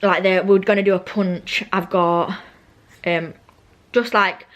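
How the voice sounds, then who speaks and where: A young British woman talks to her vlog audience in an informal, chatty style. She rambles and often interrupts herself. Her speech is a little slushy, as she has braces with elastic bands, and her voice sits at a medium pitch. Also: steady tone, slow pace. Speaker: vlogger.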